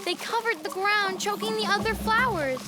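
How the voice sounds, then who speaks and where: An actor playing a bossy older child who tells a storybook tale to small children in an expressive, dramatic way. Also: extremely high pitch, normal speed. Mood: dramatic, lively. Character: bossy older girl telling storybook tale to younger kids. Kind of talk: animated storytelling to young children. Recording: music behind the voice.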